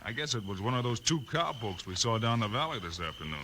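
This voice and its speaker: An actor playing a steady, level-headed Wild West lawman in a 1950s radio Western, composed and commanding, with an American accent. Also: on the low side, fast. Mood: calm, wry. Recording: crackly 1950s radio recording.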